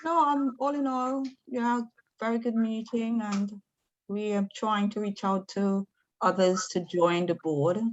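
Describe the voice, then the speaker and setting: A woman's voice: mid-range voice, steady tone, unhurried, slight background noise. A woman giving casual remarks as a participant in an online meeting over a video call. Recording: dull lo-fi video call audio.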